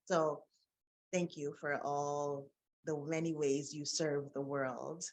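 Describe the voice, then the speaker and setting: A woman's voice: sits low, fairly even intonation, slow. Effusive woman podcast host. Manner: warm, effusive, laughs often. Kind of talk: conversational interview.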